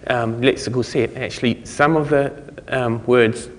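A middle-aged man giving an informal conference lecture, explaining things in a halting way with trailing thoughts. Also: medium pitch, fairly even intonation, slight background noise. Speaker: conference speaker. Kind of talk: technical lecture to an audience. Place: conference lecture room, indoors. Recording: reverberant hall recording.

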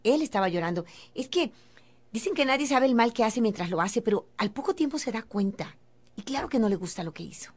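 Lady radio host, earnest and gentle, kinda preachy, higher voice. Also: expressive, fairly quick. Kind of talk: storytelling on a radio talk show.

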